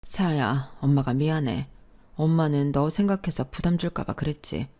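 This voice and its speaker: A woman voicing a gentle, self-effacing elderly mother in a radio drama, speaking softly and reassuringly. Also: deep voice, normal speed. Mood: apologetic. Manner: soft, reassuring, apologetic.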